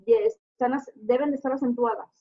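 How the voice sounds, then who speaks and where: Tentative woman student, high voice, muffled call line. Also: very animated, a little fast, mellow. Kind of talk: asking a question in an online class. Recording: lo-fi video call audio.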